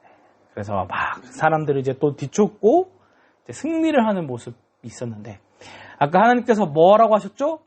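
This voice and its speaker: A young man preaches to children in a high, lively voice that leaps up and down. He tells the story with lots of animation and keeps checking in with the kids. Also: brisk. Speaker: children's ministry pastor. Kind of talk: children's sermon.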